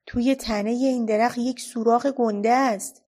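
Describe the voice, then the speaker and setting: Woman putting on a fearless cheeky little girl, bossy, playful, pitched up higher. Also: steady tone, warm tone, natural voice. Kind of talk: storybook reading.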